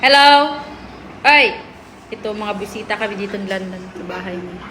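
A woman's voice: mid-range voice, lively intonation, normal speed, sharp tone, a little hiss or hum. A woman vlogger giving a teasing, playful house tour, laughing often as she chats.

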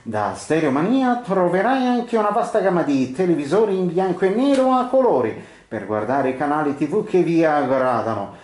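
A man playing an excitable radio DJ in a comedy sketch, with showy game show patter. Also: a little high, moderate pace, hardly any pauses, echoey room. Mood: showy, upbeat. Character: showy, excitable male radio DJ plugging a prize contest.

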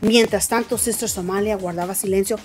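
A woman's voice: medium pitch, steady tone, a little fast, darkish tone, faint music behind. A woman hosting celebrity gossip commentary, telling the story in a dramatic, mocking way and calling her viewers family.

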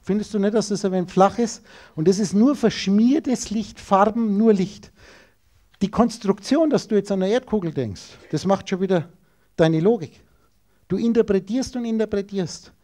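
A man holds forth in a lecture, firing rhetorical questions straight at his listeners. His voice sits high for a man yet sounds mellow and soft-edged. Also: normal speed. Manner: emphatic, rhetorical, addresses listeners directly. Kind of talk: esoteric lecture to an audience.

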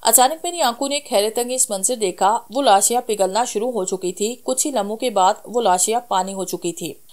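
A woman narrating a horror story in a steady, measured reading voice. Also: mid-range voice.

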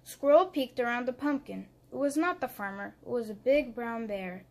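A woman narrating a children's picture book aloud, clear and expressive. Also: on the high side, normal speed.

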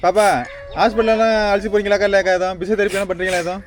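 A man hosting a charity vlog, gently coaxing answers in a casual on-site interview. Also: high-pitched, level tone, racing, crowd noise.

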